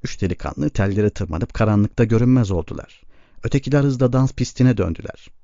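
Low, dark-voiced male audiobook narrator. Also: dry recording. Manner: even, unhurried reading. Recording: dull lo-fi recording.

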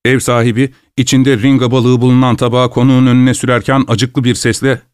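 A man narrating a short story in a measured, even storytelling manner. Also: mid-range voice, clean tone, dry recording, clean studio sound.

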